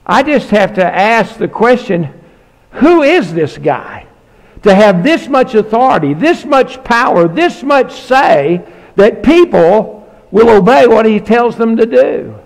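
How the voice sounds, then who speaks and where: High gravelly preacher in a reverberant church. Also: male voice, sing-song, slow pace. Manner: emphatic, repeats key phrases, folksy asides. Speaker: pastor. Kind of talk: sermon with prayer. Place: church sanctuary.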